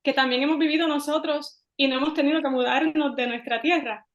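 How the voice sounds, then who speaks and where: A woman with a high voice speaks in a measured, explanatory way, reflecting on therapy as a host. The sound rings in an echoey room. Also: fairly even intonation, dull audio.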